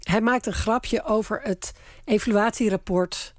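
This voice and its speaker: A woman's voice: medium pitch, measured pace, no room sound, studio quality. A woman who works as a communication adviser, explaining political strategy step by step on a radio panel. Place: radio studio.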